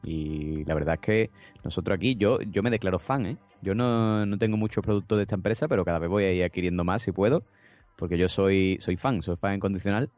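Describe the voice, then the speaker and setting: A man's voice: low voice, a little fast, darkish tone, soft background music. A man co-hosting a podcast, chatty and enthusiastic. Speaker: podcast co-host. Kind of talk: casual podcast chat. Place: home, over a Skype call. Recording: dry, slightly dull call audio.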